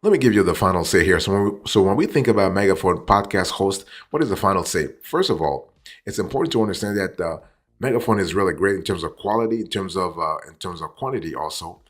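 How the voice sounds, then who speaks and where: A man hosts a semi-scripted software review, explaining things deliberately, repeating phrases, and checking in with the listener as he goes. His voice sits low and is expressive and slightly rough.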